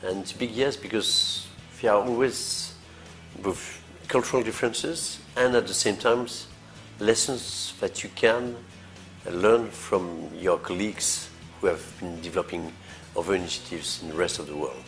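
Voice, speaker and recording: A man with a very low voice explains things in an interview, speaking deliberately and stopping for fillers. Faint music runs quietly under his words. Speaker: event organizer interviewee. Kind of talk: interview soundbite.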